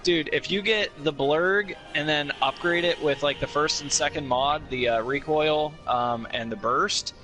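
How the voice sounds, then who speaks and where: A man talks eagerly over a headset, breaking down game tactics with plenty of swearing. His voice is bright and forceful, with faint music behind. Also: a little high, a little slow, hardly any pauses. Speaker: podcast co-host. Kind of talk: casual gaming chat.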